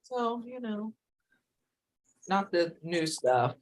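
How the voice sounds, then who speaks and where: A woman co-hosting a casual late-night sewing chat, playful and quick to laugh. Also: medium pitch, sing-song, darkish tone, a little hiss or hum, low-quality recording. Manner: playful, laughs easily, makes silly sound effects. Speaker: co-host.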